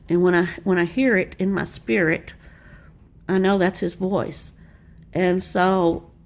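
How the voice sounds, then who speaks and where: A woman's voice: on the low side, vocal fry. An older woman, giving a homespun devotional sermon and telling personal stories in an earnest way. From Arkansas, US. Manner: earnest, homespun storytelling with repeated refrains. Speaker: Bible teacher.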